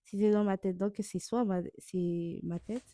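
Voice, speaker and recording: A woman's voice: mid-range voice, fairly even intonation, a little slow, mellow. A young woman from Burundi narrating a vlog in voice-over, candid and self-mocking with loose slang. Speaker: vlogger.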